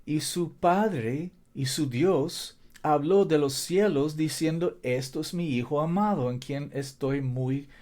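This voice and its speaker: Slow-paced man preaching. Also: on the high side, dark tone. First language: not a native Spanish speaker. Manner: emphatic, repeats key phrases. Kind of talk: Bible-teaching sermon.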